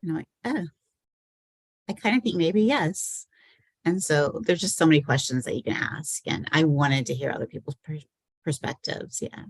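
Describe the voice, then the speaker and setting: Speaking in a low, slightly rough voice at a moderate pace, this guest poet and anthology editor muses informally about her work and questions herself during a poetry reading and Q&A. The recording has no room sound.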